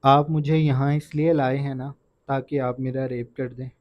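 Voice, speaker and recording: A man voicing a terrified young wife who pleads through tears in soft, broken, stammering words, in a dry, dull recording. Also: medium pitch, flat delivery, no room sound, lightly acted. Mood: sobbing plea.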